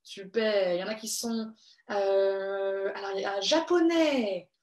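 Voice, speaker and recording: A woman's voice: mid-range voice, a little slow, a little mellow. A woman hosting a live online creative workshop for children, cheerful and encouraging as she reads out viewers' comments. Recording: echoey room.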